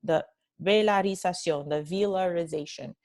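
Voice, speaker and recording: A woman's voice: fairly low pitch, darkish tone. A woman teaching Spanish phonetics in a recorded lecture, moving between Spanish and English and repeating example words to model how they sound. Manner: explains slowly, switching between Spanish and English. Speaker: Spanish language instructor.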